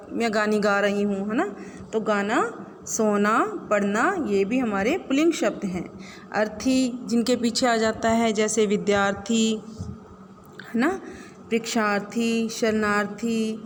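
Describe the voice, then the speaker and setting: A woman's voice: fairly high pitch, in a large hall, background noise. A woman teaching a Hindi grammar lesson, listing word examples one by one and checking in with a rising "है ना?". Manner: lists examples with frequent rising "है ना?" check-ins.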